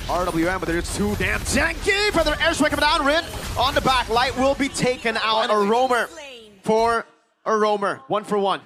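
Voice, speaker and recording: A man giving excitable, dramatic play-by-play commentary on an esports match. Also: very high-pitched, normal speed. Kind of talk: live game commentary.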